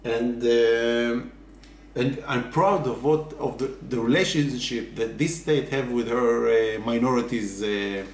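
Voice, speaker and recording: Man, interviewee, earnest and hesitant, echoey room, faint hiss. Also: medium pitch. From Israel. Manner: earnest, halting, with many fillers. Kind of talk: casual interview answers.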